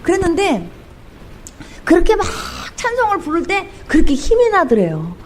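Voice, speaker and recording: Woman pastor, high and very animated, fervent testimony preaching. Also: moderate pace, slight background noise. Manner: animated storytelling, sings hymn snippets, fervent. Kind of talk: testimony sermon.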